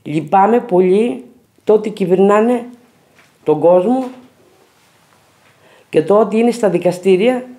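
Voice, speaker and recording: A man's voice: high-pitched, long pauses, dark tone. A man, a parent, giving a bitter, accusing documentary testimony. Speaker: interviewee, parent.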